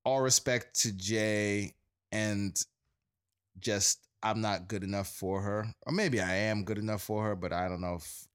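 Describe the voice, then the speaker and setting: A man's voice: on the low side, measured pace, smooth. A man co-hosting a podcast in casual chat, playful and stammering. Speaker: podcast co-host.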